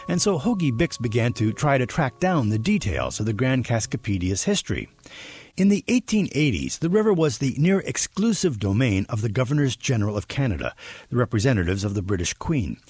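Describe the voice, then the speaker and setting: Male documentary narrator, husky, animated pitch, music bed. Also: no room sound. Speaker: reporter narrator.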